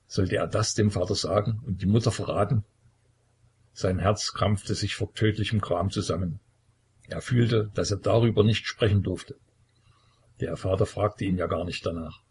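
A man reading a historical novel aloud as an audiobook narrator, measured and solemn, with a husky, creaky voice. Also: sits low, steady tone, darkish tone, a little hiss or hum.

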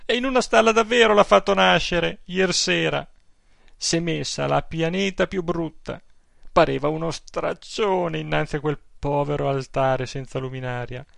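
A man's voice: vocal fry, fairly bright tone, no room sound, studio quality, exaggerated voice. A man voicing a devout, indignant old village aunt in an audiobook, with a plaintive, exclaiming manner. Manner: plaintive, exclaiming, higher-pitched. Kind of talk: audiobook character voice.

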